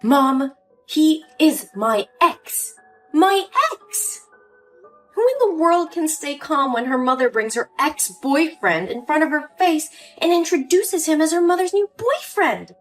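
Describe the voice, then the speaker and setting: A woman's voice: high voice, expressive, measured pace. A woman voicing an emotional young daughter pleading with her mother in a story drama, with faint music behind. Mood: upset.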